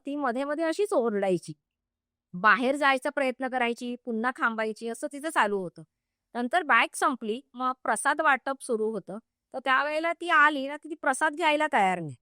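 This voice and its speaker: A woman with a high, bright voice recounts her experiences as a spiritual teacher in a podcast interview. She tells her story vividly and acts out the voices of the people in it. The sound is dry and close. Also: lively intonation, moderate pace, dry recording. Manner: vivid, acts out quoted speech.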